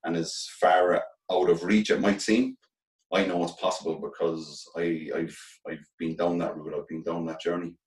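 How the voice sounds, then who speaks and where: A middle-aged man with a west of Ireland, Galway accent gives reflective interview answers. His voice is very low and fairly flat, and he is earnest, often repeating a phrase as he works out the thought. He sounds a little away from the mic in an echoey room. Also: recorded from a distance. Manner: earnest, halting, repeats phrases as they think aloud. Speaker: interview guest, former professional footballer turned coach.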